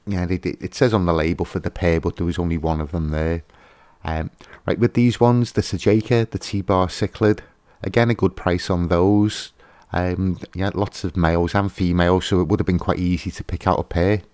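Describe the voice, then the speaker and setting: A man's voice: sits low, fairly even intonation, moderate pace, darkish tone, dry recording. A man hosting a fishkeeping channel, giving a casual, hesitant voice-over with lots of fillers and restarts.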